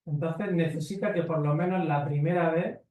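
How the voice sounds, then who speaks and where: On a conference panel, a man responds to questions with a slightly high, a little mellow voice, keeping a steady tone and moderate pace. He is emphatic and blunt, lecturing with rhetorical tags directed at the audience, and the hall recording is echoey and far away.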